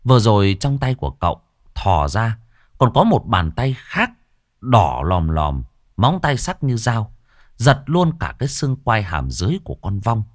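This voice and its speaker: A man's voice: on the low side, very animated, a little slow, no room sound, clean studio sound. A man narrating a ghost story in a dramatic, vivid manner.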